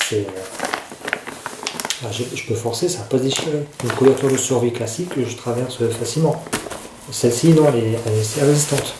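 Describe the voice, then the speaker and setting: A man casually demonstrating outdoor gear, informal and repeating himself as he handles it. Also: medium pitch. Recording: roomy echo, faint noise.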